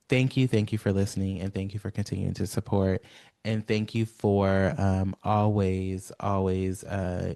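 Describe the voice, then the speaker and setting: A man hosting his own podcast alone, rambling with many fillers and long pauses, sounding tired, recorded on a phone. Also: lowish voice, darkish tone, clear, resonant tone. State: tired, yawning. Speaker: podcast host. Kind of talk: solo podcast monologue.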